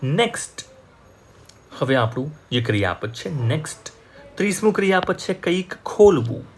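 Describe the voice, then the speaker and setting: A man with a Gujarati accent teaching English vocabulary, slowly repeating each word and example sentence. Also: a little high, very animated, a little hiss or hum.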